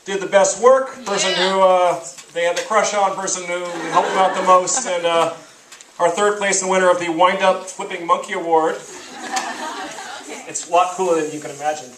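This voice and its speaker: A man hosts a live show, handing out awards with a high voice and loose, joking patter. He is picked up from across an echoey room. A loud crowd and heavy noise sit behind him. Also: fairly even intonation, normal speed. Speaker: show host. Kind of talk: emceeing an awards segment. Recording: roomy live hall, distant mic, loud crowd.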